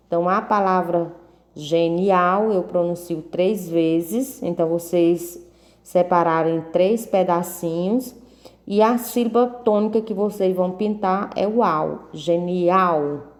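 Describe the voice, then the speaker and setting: Woman teacher, slow and low-pitched, patiently correcting a worksheet, stretches words for emphasis. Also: warm tone. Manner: patient, repeats and stretches words to mark stressed syllables.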